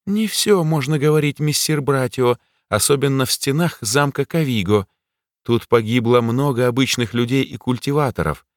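A man voicing a secretive young assassin woman who speaks in a hush, her voice set higher than the narrator's own. The sound is close and dry. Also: moderate pace, dry recording, close to an everyday voice. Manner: hushed, whispering.

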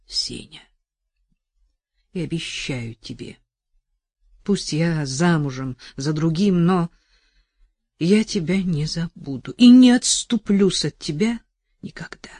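A young bride, bitter and defiant, as the narrator puts her on, mutters her thoughts in a low, hushed voice. She speaks slowly and heavily, recorded close and dry. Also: expressive, breathy edge, no room sound, full character voice. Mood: vowing.

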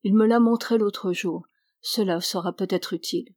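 A woman's voice: mid-range voice, normal speed, a little mellow, no room sound, studio quality, natural voice. A woman voicing a stern, outspoken old male priest who speaks severely. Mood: kindly. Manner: severe, indignant outbursts.

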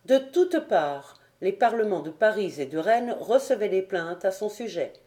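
A woman narrating a historical novel as an audiobook, reading in a steady, measured way. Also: medium pitch. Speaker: audiobook reader.

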